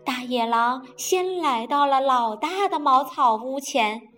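一位女性用拖长的唱腔式语调给孩子讲童话故事。. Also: female voice, sits high, animated, fairly bright tone, faint music behind. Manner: slow, sing-song, drawn-out. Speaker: storyteller. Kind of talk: children's storytelling.

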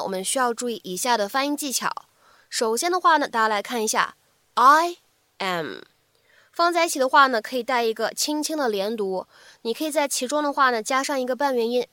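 Woman teacher, fairly high voice, dry close sound, lively and patient, repeats phrases slowly. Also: no room sound. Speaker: English teacher. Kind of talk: spoken English lesson.

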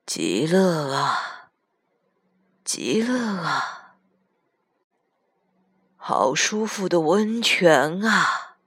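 A woman voicing a gentle, content old grandfather in a storybook, murmuring slowly and drawn out. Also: lowish voice, very animated, husky, no echo, clean studio sound, heavily acted.

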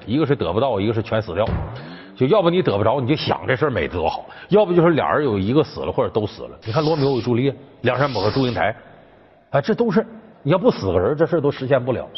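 A man giving a colloquial, animated storytelling lecture on a classic novel, speaking straight to his listeners. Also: mid-range voice. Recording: dull, with background music.

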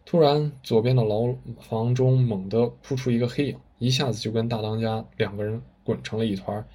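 A man's voice: medium pitch, fairly even intonation, a little fast, dark tone, husky. A man telling a story with vivid, dramatic narration. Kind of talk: spoken storytelling.

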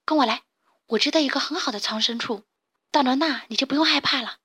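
A woman voicing a loyal, clever little chick in a storybook, urging in quick hushed words. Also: high-pitched, husky, heavily acted. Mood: secretive.

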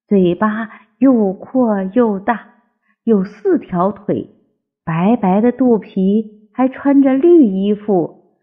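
An older woman voicing a chorus of eager little tadpoles, calling out in a high, squeaky voice. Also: slightly rough. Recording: tinny phone-like lo-fi sound.

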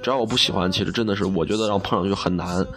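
A man's voice: low voice, fairly even intonation, very fast, fairly bright tone. A young man from Xi'an, telling funny stories in a chatty, self-mocking way. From Xi'an, China. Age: young adult. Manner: chatty, self-mocking, laughs at own jokes. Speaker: broadcasting student. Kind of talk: casual storytelling monologue.

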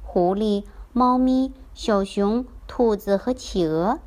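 A woman's voice: mid-range voice, slow, darkish tone, natural voice. A woman voicing an eager, determined little girl in a children's story, speaking with bold insistence. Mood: cheerful. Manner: bold, chest-thumping insistence.

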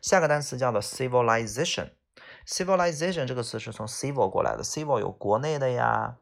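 A man teaching an English vocabulary lesson, repeating each word and filling pauses. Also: medium pitch, lively intonation, vocal fry.

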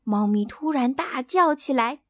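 A woman narrating a bedtime story in a gentle, expressive read-aloud manner. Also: high voice, unhurried.

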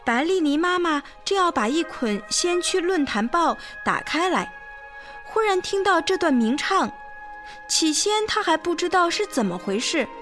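A woman reading a children's storybook aloud as the host of a children's program, gentle and measured. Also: very high-pitched, very animated. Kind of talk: scripted storybook narration. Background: faint music.

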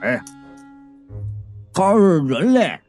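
A man's voice: sing-song, a little mellow, soft background music, heavily acted. A man voicing a laid-back, rule-bound male ghost constable in a comic audiobook, drawling his words. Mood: lazy. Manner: drawling, slow and low.

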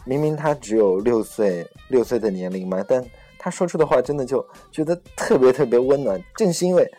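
Young male host, husky, hesitant, self-correcting, faint music bed. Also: mid-range voice, a little fast, dark tone. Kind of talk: casual chat on a podcast-style program.

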